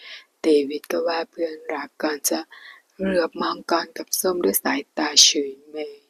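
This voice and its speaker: A woman reading a novel aloud in a soft, hushed way. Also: deep voice, fairly even intonation, normal speed, vocal fry, crowd noise, low-quality recording. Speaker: narrator.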